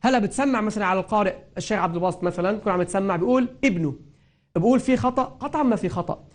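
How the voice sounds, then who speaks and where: A man with a Lebanese Arabic accent gives a patient spoken lesson on recitation, and his voice sits noticeably high. He goes over each point more than once and stretches out the example words so they can be heard clearly. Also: very fast. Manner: explains patiently, repeating and drawing out example words. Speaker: Quran recitation teacher. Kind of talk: spoken grammar and tajweed lesson.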